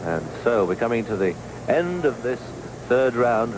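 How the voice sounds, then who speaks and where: A man giving measured, understated live commentary on a golf tournament. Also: medium pitch, sing-song. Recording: noisy outdoor 1980s TV broadcast.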